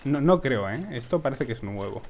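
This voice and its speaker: A young man from giving excitable let's play commentary to his viewers, swearing often. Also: medium pitch, brisk, a little hiss or hum. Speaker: gaming video host.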